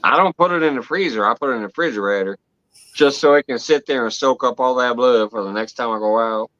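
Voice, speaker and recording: Bright-voiced rambling man. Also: mid-range voice, fast talker, dry recording. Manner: rambling, laughs often. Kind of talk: casual chat. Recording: dry, muffled sound.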